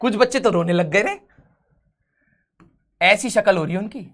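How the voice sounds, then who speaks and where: A man's voice: sits high, moderate pace, a bit bright. A man teaching physics in a live online class, teasing his students with jokes and banter before reading out questions. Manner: switches to English when reading questions.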